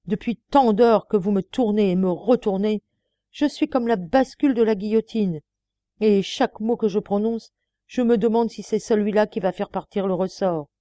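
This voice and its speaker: A woman's voice: medium pitch, normal speed, mellow, dry recording, natural voice. A woman reading the part of a defiant, ironic male murder suspect under questioning. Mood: anguished. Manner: mocking, then indignant pleading.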